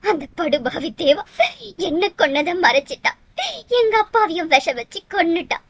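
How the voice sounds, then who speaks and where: A woman's voice: sits high, expressive, normal speed, a bit bright. A woman voicing a vengeful ghost girl. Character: murdered young village woman's ghost, bitter, vengeful. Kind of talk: dramatic storytelling narration.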